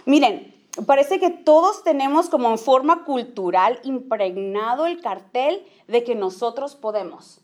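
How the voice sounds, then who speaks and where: A woman's voice: high-pitched, animated, unhurried, darkish tone. A woman giving an informal church talk to women, often checking in with the audience, dropping in English phrases and acting out small scenes. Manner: acts out little quoted scenes. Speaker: speaker at a women's church gathering.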